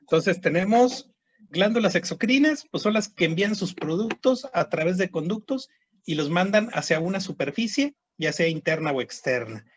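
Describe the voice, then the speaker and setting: A man gives an online histology lecture, with a slightly high voice. He explains patiently, repeats key terms and keeps checking that students follow. The audio is dry and a little dull, like a computer mic on a video call. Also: expressive, moderate pace, dry recording. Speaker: histology teacher.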